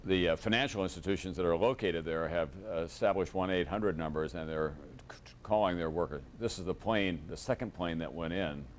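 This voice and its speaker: A male news anchor with a very low voice speaks in a measured, grave way, pausing often and filling gaps as he talks through live coverage. The sound comes from an old VHS tape of a TV broadcast, with a faint hiss behind it. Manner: measured, grave, with frequent pauses and fillers. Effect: old VHS tape recording of a TV broadcast.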